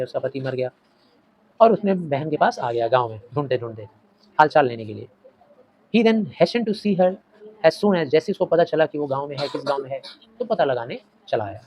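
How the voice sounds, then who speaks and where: A man's voice: fairly high pitch, darkish tone, highs cut off, a little hiss or hum. A middle-aged male teacher retelling a story for a class, stopping to explain word meanings in plain, patient terms. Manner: explains slowly, glossing words and mixing languages.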